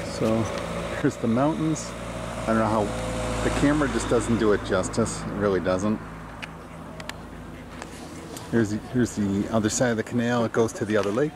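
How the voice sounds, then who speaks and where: A middle-aged travel vlogger with a fairly low voice, talking a little fast, chats enthusiastically as he guides viewers around outdoors by a canal and aboard a mountain train. His camera mic picks up crowd chatter plus train and street noise.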